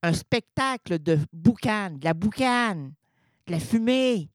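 Man, voice run through a changer filter, pitch swinging widely, slow rambling stammered comedy bit. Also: expressive. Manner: stammering, jokey wordplay. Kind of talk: rambling comic monologue.

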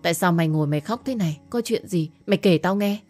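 A woman voicing a young woman who is the blunt, worried best friend, talking fast and scolding. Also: lowish voice, a little mellow, soft background music, lightly acted.

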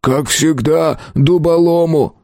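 A man voicing a desperate bandit leader who makes excuses, nearly shouting. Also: a little high, fairly even intonation, takes it slowly, no room sound, clean studio sound, pitched above the performer's own voice. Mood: defensive.

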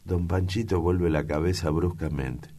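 A man reading a novel aloud in a measured, deliberate way. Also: deep voice, steady tone, warm tone. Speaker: audiobook reader. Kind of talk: literary narration.

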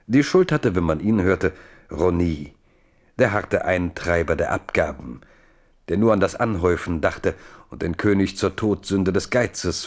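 A deep-voiced chronicler narrates history in a scripted radio play, delivering the lines deliberately and solemnly, giving each phrase dramatic weight.

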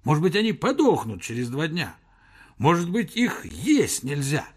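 A man's voice: on the high side, big pitch swings, normal speed. A man voicing an irritable, fussy older male professor who talks in a testy, heated way.

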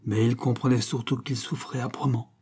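A man reading a short story aloud in a calm, measured way. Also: medium pitch, slightly rough. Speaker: audiobook narrator.

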